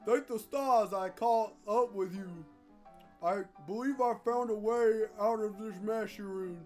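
A man reading aloud the lines of a kindly male game character giving advice, slowly and deliberately. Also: high-pitched, a little mellow, faint music behind. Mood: earnest.

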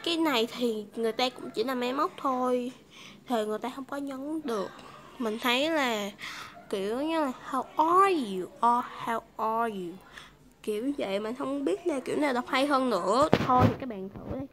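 A woman's voice: high voice, a little fast, a little hiss or hum. A woman from Vietnam hosting a casual English lesson, chatty and repeating phrases for learners. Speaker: English teacher, video host.

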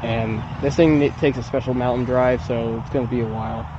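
A man's voice: mid-range voice, fairly even intonation, fairly quick, dull audio, background noise. A man in his thirties talking casually to a camera outdoors on a lawn, rambling in a plain-spoken way about a bike ride. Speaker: velomobile vlogger. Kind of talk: casual review talk to camera. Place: outdoors on a lawn beside a building.

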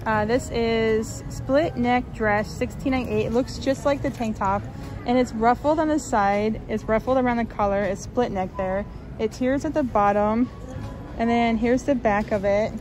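A woman's voice: a little high, normal speed, music in the background. A woman vlogging casually while shopping in a large clothing store, upbeat and chatty with lots of fillers. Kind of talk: casual shop-with-me narration.

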